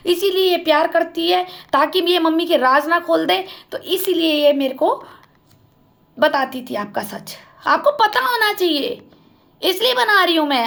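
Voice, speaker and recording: A woman's voice: very high voice, creaky, a bit bright. A young woman vlogger giving an impassioned personal account, speaking accusingly and directly to family members. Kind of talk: emotional personal account to camera.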